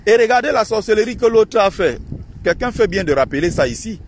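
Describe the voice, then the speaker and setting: Standing outdoors by a park lake, an online activist and channel host records a vlog monologue on his phone for his followers. His animated voice rants and mocks indignantly with quick pitch shifts, and a little hiss or hum sits underneath.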